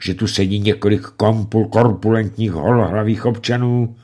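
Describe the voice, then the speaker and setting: A man narrating a humorous story in a lively reading voice. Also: lowish voice.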